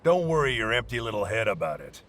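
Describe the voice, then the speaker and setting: A man's voice: fairly low pitch, very animated, fast talker, fairly bright tone. A man playing a hostile, bossy warrior leading a scouting mission in a video game, curt and scornful. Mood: contemptuous, bitter. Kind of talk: video game dialogue acting.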